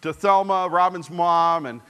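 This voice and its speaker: A bright, forceful man in his forties preaching through a personal story. He speaks earnestly and slightly high, turns to the audience often, and falls to a near hush at the tender parts. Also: a little slow, smooth. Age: 40s. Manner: earnest, drops to a soft hushed voice for tender moments; engages the audience directly. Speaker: speaker addressing a congregation. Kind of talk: storytelling sermon.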